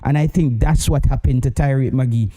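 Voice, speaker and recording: A man's voice: medium pitch, fairly quick, warm tone. A man with a Jamaican accent hosting casual livestream football commentary, opinionated and emphatic, repeating phrases to drive points home.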